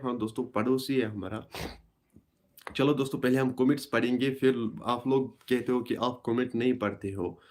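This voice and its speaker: A young man hosting a casual live stream, talking in a halting way with many restarts and repeated phrases. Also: mid-range voice, darkish tone. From Kashmir.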